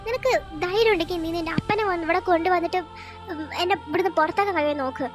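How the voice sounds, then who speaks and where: A young woman speaks as a defiant heroine who snaps back at others. Her voice is very high and pointed. Faint music plays underneath this fan audio drama. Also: rapid-fire. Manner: defiant, retorting. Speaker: storyteller voicing the heroine.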